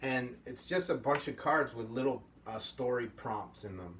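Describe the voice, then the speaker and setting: This middle-aged man hosts an informal puppetry workshop at a table indoors, relaxed, supportive and often meandering. His mid-range voice is a bit bright and moves at a moderate pace. Faint room hum and a slightly distant mic shape the sound.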